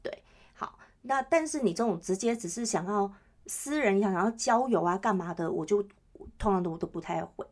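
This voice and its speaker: A woman's voice: mid-range voice, lively intonation, moderate pace, a little mellow. A woman host, chatting on her own podcast and often checking in with listeners. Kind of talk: casual solo chat.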